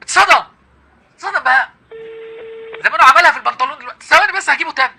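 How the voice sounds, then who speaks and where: An Egyptian man hosts a heated live call-in, taunting his caller with mocking laughter. His speech races along at a very fast clip. His voice is high and sharply bright. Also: expressive, gravelly. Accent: Egyptian Arabic. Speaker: live-stream host. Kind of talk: confrontational live call-in debate.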